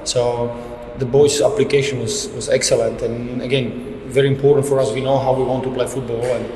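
Speaking into a table mic at a post-match press conference, a thirty-something football head coach responds to reporters in fairly plain terms, often restarting. His medium-pitched, mellow voice is level and fairly quick, with a little hiss or hum and reverb from the echoey room.

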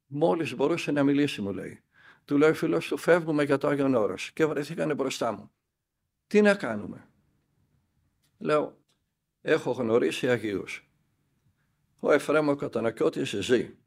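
An older man, an elder monk, tells a spiritual story and acts out the dialogue with lively emphasis. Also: mid-range voice, creaky.

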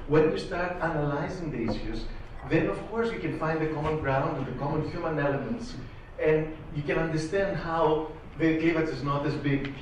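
A man from Greece rises from the audience to make an earnest, wandering comment. His voice sits a little high. The mic is distant, so he sounds faint amid heavy room echo. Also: moderate pace, hardly any pauses, slight background noise. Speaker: audience member asking a question. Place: conference room.

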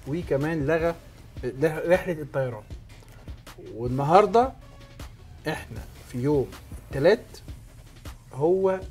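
Brief: male Egyptian sports host, somewhat high voice, emphatic explainer, faint music underneath. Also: darkish tone. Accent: Egyptian Arabic. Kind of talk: sports talk show discussion.

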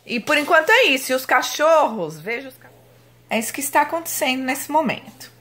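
A woman's voice: high-pitched, expressive, brisk, bright, forceful tone. A woman, chatting casually to viewers in a home vlog as a mother, with frequent tag questions. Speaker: mother and vlogger.

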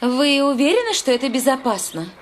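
A woman voicing a gentle, patient mother in a cartoon dub who soothes the children. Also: high voice, big pitch swings, fairly quick, a little hiss or hum. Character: kind, patient mother baking a pie. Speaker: dub voice actor.

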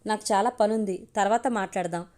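A woman's voice: mid-range voice, a little fast, warm tone, lightly acted. A woman reading as a shy young woman. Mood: gentle. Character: young bride-side woman, gentle and shy.

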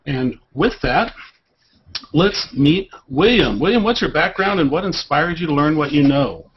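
A man's voice: medium pitch, breathy edge. Lo-fi male show host. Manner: upbeat, jokey host apologizing for puns. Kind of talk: hosting a hobby electronics show. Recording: dull lo-fi sound with faint noise.

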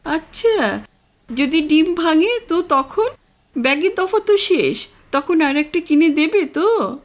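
A woman voicing a playful young adult daughter who gently chides her father. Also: sits high, sing-song, slow, pitched above the performer's own voice, heavily acted.

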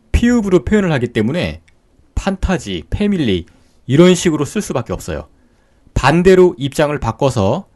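A man teaching English pronunciation to Korean learners, explaining patiently and demonstrating sounds slowly. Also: on the high side, darkish tone. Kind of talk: scripted pronunciation lesson.

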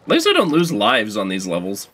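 A man's voice: fairly low pitch, wildly swooping pitch, fairly quick, a bit bright. A man streaming a video game, talking casually through his play with sudden frustrated outbursts and self-mocking jokes. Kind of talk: casual gameplay commentary.

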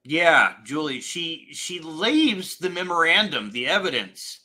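A man co-hosting a casual film review chat, animated and profane, laughing often. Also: on the high side, slow. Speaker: podcast co-host.

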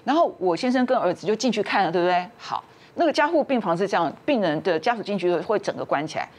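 A woman's voice: medium pitch, lively intonation, fast talker. A woman, a talk show guest telling a family story and acting out the quarrels in raised voices.

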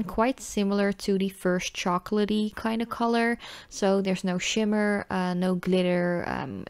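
Chatty and informal, a woman reviews nail polish in the Dutch accent of her native language. The mid-range voice is a little mellow and the recording has no echo.

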